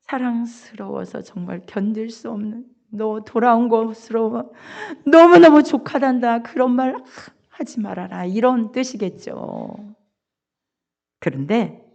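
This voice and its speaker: A middle-aged woman pastor delivers a sermon at an unhurried pace, her voice sitting slightly high. She acts out a father's words with emotion. The recording sounds dull and lo-fi. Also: gravelly, a little mellow.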